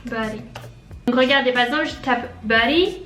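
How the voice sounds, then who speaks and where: A woman's voice: a little high, steady tone, normal speed, a bit bright. A young woman vlogger giving casual tips in a chatty, friendly way, with lots of fillers. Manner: chatty, many fillers, friendly "les amis". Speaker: YouTuber giving English-learning tips. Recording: echoey room with faint music. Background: faint background music.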